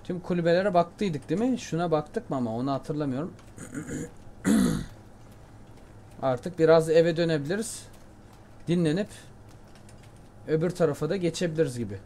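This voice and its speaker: A young man giving chatty, jokey commentary while playing a game, often shouting at it. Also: fairly high pitch, normal speed, pauses often, a little hiss or hum. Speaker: gameplay commentator. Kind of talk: casual let's-play commentary.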